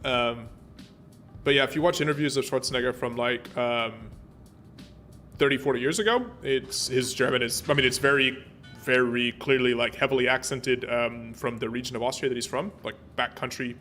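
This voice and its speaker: A man's voice: medium pitch, moderate pace, bright, forceful tone, soft background music. A man streaming a naval warship game, chatting casually and rambling with plenty of fillers and restarts. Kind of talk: casual gameplay commentary.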